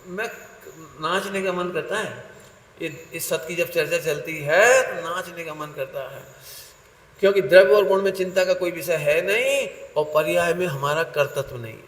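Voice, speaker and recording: A man's voice, on the high side and at normal speed, fills an echoey hall with faint noise as he preaches. He is a Jain preacher running a workshop, laughing playfully and questioning listeners by name during his sermon.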